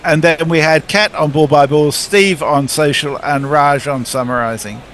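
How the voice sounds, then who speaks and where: Bright-voiced man, cheeky co-host. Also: fairly high pitch, fairly even intonation, normal speed, a little hiss or hum. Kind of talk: casual chat, organizing the schedule.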